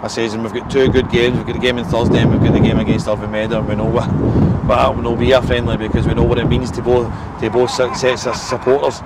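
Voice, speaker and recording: A Scottish football manager in his forties is interviewed outdoors beside the pitch after the game, frank and repetitive, dropping many "eh" and "listen" fillers. He speaks quickly in a flat, mid-range voice with hardly any pauses, against outdoor noise and passing traffic.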